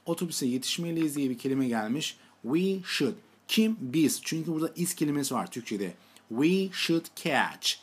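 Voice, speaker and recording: Man, English teacher, slow deliberate example sentences, repeats each form. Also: fairly high pitch, expressive, a little mellow, breathy edge. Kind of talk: language lesson, explaining in Turkish.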